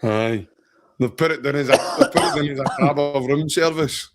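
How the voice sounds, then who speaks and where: A man's voice: a little high, moderate pace, a crowd in the background. A Scottish man co-hosting a football podcast in casual, joking talk, often saying mate and aye. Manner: joking, rambling, says mate and aye a lot. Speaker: podcast co-host.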